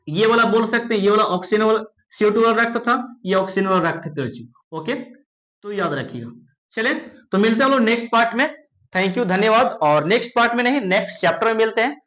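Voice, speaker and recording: A man with a Bihari Hindi accent teaches a school science class, his voice sitting high for a man. He keeps asking the class a question and answering it himself. He calls his students dear children. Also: a bit bright, poor audio. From India. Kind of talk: classroom lesson.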